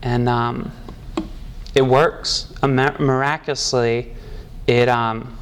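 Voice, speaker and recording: A man giving personal testimony at a recovery meeting, halting and reflective, moved close to tears. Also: mid-range voice, flat delivery, slight background noise. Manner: halting and reflective, with pauses and restarts.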